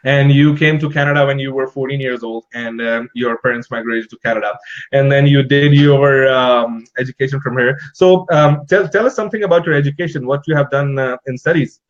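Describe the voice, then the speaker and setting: A man hosting an online talk show interview, agreeable and hesitant, often pausing on fillers. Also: medium pitch, muffled recording. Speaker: host.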